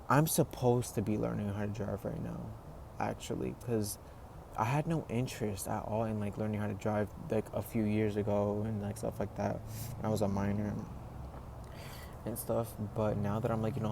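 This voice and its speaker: A man's voice: fairly low pitch, creaky. Rambling young man in his twenties. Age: 20s. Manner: rambling, full of "like" and "you know", restarts. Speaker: vlogger. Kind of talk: casual reflective monologue. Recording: noisy background ambience.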